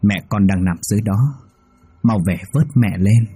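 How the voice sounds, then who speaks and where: A man voicing the calm, sad ghost of a dead father who speaks slowly and mournfully. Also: husky, no room sound, faint music behind. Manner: slow, low and mournful.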